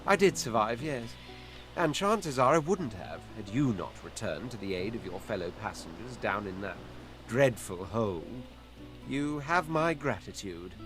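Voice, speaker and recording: A man's voice: on the low side, lively intonation, moderate pace, natural voice. The Red Prince, pompous lizard royal acted by a man. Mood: condescending, courteous. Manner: pompous, theatrical, flowery phrasing. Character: haughty exiled male lizard prince, grandiloquent and condescending. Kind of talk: video game character acting. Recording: game music behind the voice.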